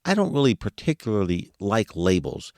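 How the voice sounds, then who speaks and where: Speaking at an even pace, an American man hosting a podcast sounds very animated, his voice lowish and darkish in tone. He keeps things casual, asking listeners rhetorical questions and chuckling now and then, in a dry, clean studio recording.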